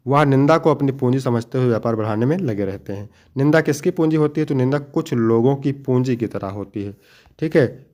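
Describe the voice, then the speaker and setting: A man's voice: mid-range voice, a little mellow. Young guy teaching exam prep, goes answer by answer, drags out the important bits. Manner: explains each answer step by step, then reads the next question; slows to stress key points.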